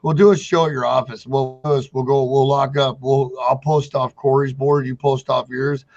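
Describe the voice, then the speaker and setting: A man's voice: mid-range voice, little pitch movement, moderate pace, darkish tone. A man co-hosting a trucking talk show in casual banter, rambling and blunt, with heavy swearing. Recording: dull lo-fi audio.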